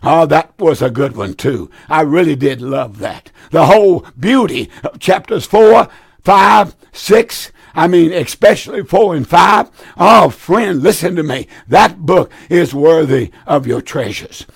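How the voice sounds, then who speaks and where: A man's voice: a little high, lively intonation, measured pace, creaky, husky, no echo, studio quality. A man preaching and taking calls on a live Bible show, with a weak, strained voice worn from preaching and an earnest, folksy, repetitive way of exhorting. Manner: earnest, plain folksy exhortation with repeated phrases.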